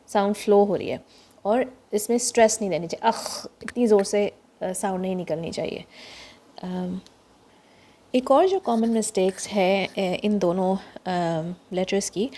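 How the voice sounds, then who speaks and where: A woman's voice: mid-range voice, mellow. A woman teaching pronunciation of throat letters, explaining step by step and demonstrating each sound. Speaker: Quran recitation teacher.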